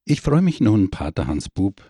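Man, radio host, courteous formal introduction, dark tone, dry sound. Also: on the low side, big pitch swings, normal speed, slightly rough, dry recording.

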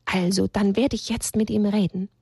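Woman doing a soft-spoken earnest young farm animal, husky voice, dry sound. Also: medium pitch, steady tone, moderate pace, no echo.

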